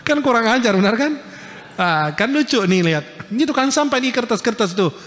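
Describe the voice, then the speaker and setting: A man preaching a casual religious lecture, lively and jokey, pointing at pictures as he talks. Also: very high-pitched, brisk, big-room sound. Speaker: Islamic preacher.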